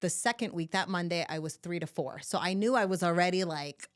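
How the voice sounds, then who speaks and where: A young woman, a podcast guest and new mother, telling her story in casual chat, animated and swearing freely as she acts out what people said. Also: lowish voice, brisk.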